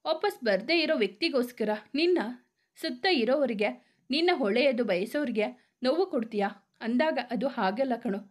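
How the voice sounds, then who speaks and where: A woman's voice: high-pitched, animated, moderate pace. A woman narrating a serialized romance story, reading every character's lines herself with small shifts in tone.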